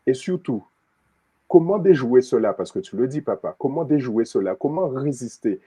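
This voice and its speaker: A man's voice: mid-range voice, lively intonation, normal speed, dark tone, slightly rough. A man hosting a talk show, introducing the topic with a string of rhetorical questions. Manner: rhetorical questions, laughs easily. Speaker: host.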